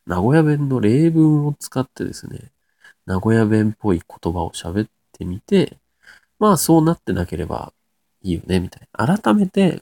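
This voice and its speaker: A man's voice: creaky, no room sound. A young man with a Nagoya accent hosting a casual solo talk show, chatting and trying out dialect phrases. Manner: chatty, tries out dialect phrases with lively pitch jumps. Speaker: radio-style podcast host.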